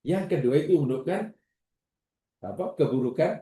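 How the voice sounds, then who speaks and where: A man with a Malaysian Malay accent teaching a religious class, lively, acting out examples and questioning his students. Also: on the high side, moderate pace. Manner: questions the class and repeats their answers. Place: classroom or prayer hall. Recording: roomy echo, distant mic.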